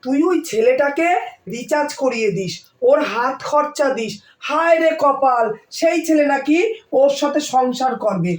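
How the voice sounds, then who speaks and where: A woman playing a strict middle-aged mother who nags and scolds her daughter, hoarse from a cold, with a Kolkata Bengali accent. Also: high-pitched, moderate pace, close to an everyday voice. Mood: scolding. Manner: scolding, nagging, raised voice. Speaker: mother in a short family skit. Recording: echoey room, voice from far off.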